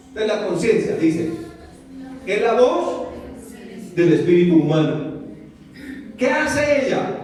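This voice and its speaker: A Colombian pastor with a fairly high voice delivers a lively, animated sermon to his congregation, firing off rhetorical question after question and slipping into small acted-out voices. He sounds distant from the microphone, his words ringing through a large, echoey church hall.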